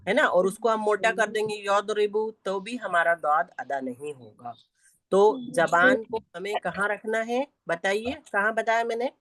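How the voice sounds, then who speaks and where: A woman teaching Quran recitation in an online class, patiently repeating each sound slowly for her students to copy. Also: medium pitch, a bit bright. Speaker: Tajweed teacher. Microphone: online class audio.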